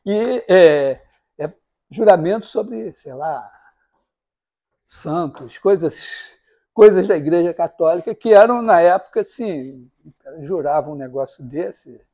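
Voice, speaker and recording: This Brazilian-accented mathematics lecturer at a university has a warm, mid-range voice and speaks in an animated but unhurried way. His informal talk unfolds as storytelling, full of digressions, tangents and self-corrections.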